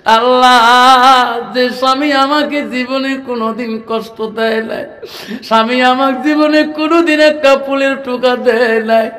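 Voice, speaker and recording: High-voiced man chanting a sermon. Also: fairly even intonation, normal speed, fairly bright tone, long reverb tail, faint music behind. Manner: chanting, tearful storytelling that acts out each figure. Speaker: preacher. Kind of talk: sung sermon storytelling.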